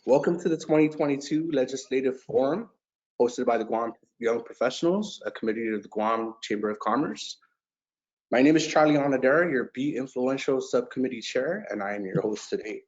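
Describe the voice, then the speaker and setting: A man's voice: medium pitch, fairly quick. A man hosting a forum, giving a polite scripted welcome. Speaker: host. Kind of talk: formal welcome address. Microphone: video call. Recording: dull lo-fi video call audio.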